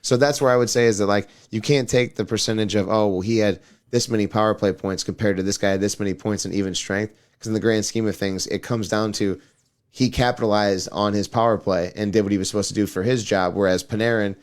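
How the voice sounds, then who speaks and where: A man's voice: lowish voice, fairly even intonation, fast talker. A man co-hosting a podcast, rambling casually about sports with lots of hedging and restarts. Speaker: podcast co-host.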